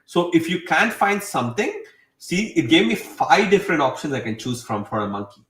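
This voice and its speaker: A man's voice: on the high side, sing-song, normal speed, fairly bright tone, far from the mic. A man hosting a casual screen-share tutorial, talking enthusiastically in a rambling way full of fillers. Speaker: host demonstrating software. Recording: roomy sound, away from mic.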